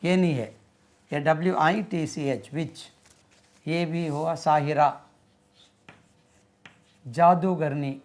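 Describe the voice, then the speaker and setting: A man leads a spoken vocabulary lesson, his voice sitting a little high. He moves very slowly, spelling words letter by letter and checking with his listeners through a steady stream of "right?". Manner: patient, repetitive, asks "right?" often. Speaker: English teacher.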